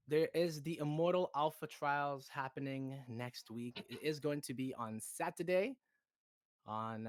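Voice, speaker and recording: An upbeat, chatty man hosting a casual livestream chat with a guest. He teases and talks easily, his voice at a middle pitch. The sound is dry and close, with no room around it. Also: no room sound. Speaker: community host.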